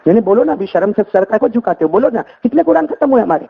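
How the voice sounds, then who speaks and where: A male preacher telling stories in a lively sermon, prompting the congregation to repeat after him. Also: sits high, vocal fry, slightly rough, narrow, tinny audio. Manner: animated call-and-response with the congregation. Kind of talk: sermon storytelling.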